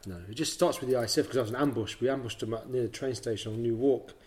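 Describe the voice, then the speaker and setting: A man's voice: medium pitch, fairly even intonation, very fast, darkish tone. A middle-aged man from Leicester, a writer chatting bluntly as an interview guest and telling stories with lots of "you know what I mean". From Leicester, England. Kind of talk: casual storytelling chat.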